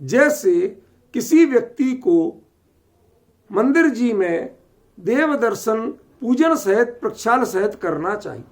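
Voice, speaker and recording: A man teaching a scripture lesson, often asking his listeners whether they follow the point. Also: very high-pitched. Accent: Delhi Hindi. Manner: questioning, keeps checking understanding.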